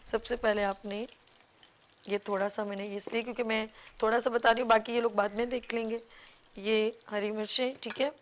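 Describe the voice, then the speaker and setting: A woman's voice: on the high side, flat delivery, moderate pace, slight background noise. A woman with a Pakistani Urdu accent, hosting a live cooking show and explaining each step to viewers in a chatty, instructive way. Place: TV studio kitchen.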